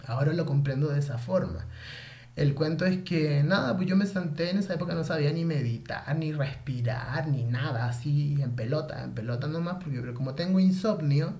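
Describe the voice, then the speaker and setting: A man telling a long, rambling, animated story in casual, slangy speech. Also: a little high, brisk, lo-fi sound. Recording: echoey room.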